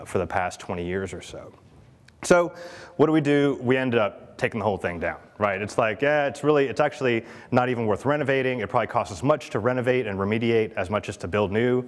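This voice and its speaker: A man speaking at a conference, chatty and full of fillers, often checking in with the audience. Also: on the low side. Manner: chatty, asks the audience questions, many fillers. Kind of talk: conference keynote talk. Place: large conference hall. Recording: long hall reverb.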